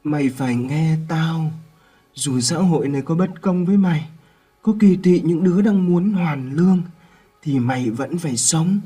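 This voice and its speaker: A man doing a frail, fatherly old man in a ghost-story reading, his voice weak and strained. The tone is mellow and a little husky, with soft music underneath. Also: on the high side, normal speed, pitched above the performer's own voice. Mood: weak pleading.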